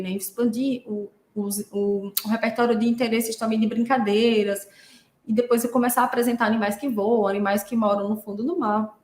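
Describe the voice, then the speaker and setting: Chatty Brazilian woman in an echoey room. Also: fairly high pitch. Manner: chatty, storytelling, many fillers like "né". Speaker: therapist and podcast host. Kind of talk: casual monologue.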